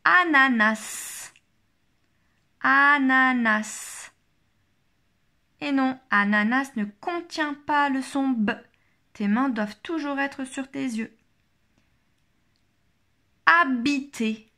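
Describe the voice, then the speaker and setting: Slow, careful woman teaching phonics. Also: high voice, a bit bright. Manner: slow, carefully articulated, repeating each word twice. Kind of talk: phonics lesson for a child.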